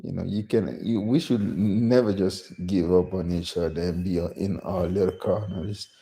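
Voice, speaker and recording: This middle-aged man from Guinea, the channel host, has a deep, mellow voice with vocal fry and a steady tone at normal speed. He's hosting his first casual solo live stream, speaking off the cuff with lots of restarts and "you know."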